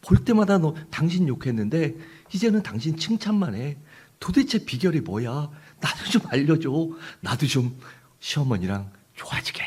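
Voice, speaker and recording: A husky-voiced man voicing curious village neighbors who press with prying questions. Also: a little high, sing-song, normal speed, darkish tone, pitched above the performer's own voice.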